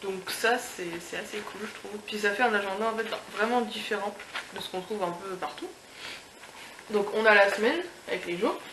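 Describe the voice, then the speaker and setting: In an echoey space with background noise, a young woman who vlogs about beauty and lifestyle talks casually through an unboxing, enthusing about the item amid frequent fillers and restarts. She has a mid-range voice and a moderate pace.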